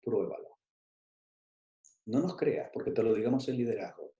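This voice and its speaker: A man's voice: medium pitch, lively intonation, moderate pace, mellow, roomy sound, highs cut off. A man leading an online coaching workshop, stressing his points, repeating key phrases and asking rhetorical questions.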